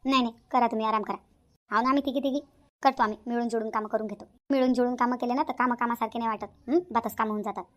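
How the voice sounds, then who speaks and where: A woman's voice: on the high side, fairly even intonation, very fast, natural voice. A woman voicing a polite, fussy elder sister-in-law in a cartoon.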